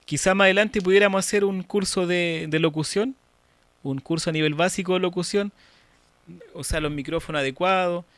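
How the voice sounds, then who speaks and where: A man with a Chilean accent teaching an online church course, talking directly to students in a lively, demonstrative way over a video call. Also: high voice, brisk, dry recording. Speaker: church course instructor and moderator.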